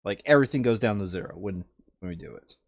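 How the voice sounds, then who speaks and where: A man with a lowish voice talks quickly, his intonation lively, as he chats casually over a tabletop board game, thinking aloud and muttering counts while working through moves. The recording is dry with no room sound, and the highs are cut off.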